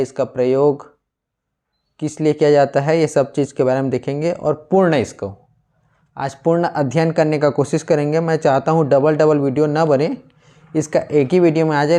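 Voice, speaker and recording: Man teaching with a mellow voice. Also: on the high side. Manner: repetitive, asks questions then answers them. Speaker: Hindi grammar teacher. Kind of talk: classroom lecture.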